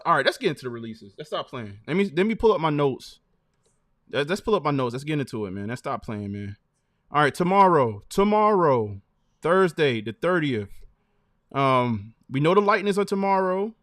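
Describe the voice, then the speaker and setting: A man hosting a casual show, talking in relaxed slang and laughing often. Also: on the high side, no room sound, studio quality. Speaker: host. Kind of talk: casual sneaker-news chat.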